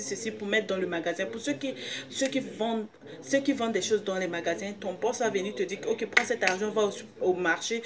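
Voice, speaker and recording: A woman preacher with a slightly high, somewhat mellow voice delivers a personal video sermon exhorting her listeners. She is insistent, repeats phrases and questions, and often gropes for words.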